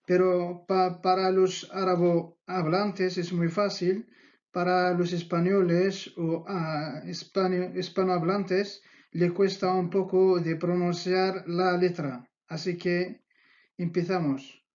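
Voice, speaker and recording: Teacher going slow, says each word over and over, kinda muffled lo-fi sound. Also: medium pitch, level tone, darkish tone. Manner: slow, patient, repeats words for drilling. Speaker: Arabic teacher. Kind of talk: language lesson.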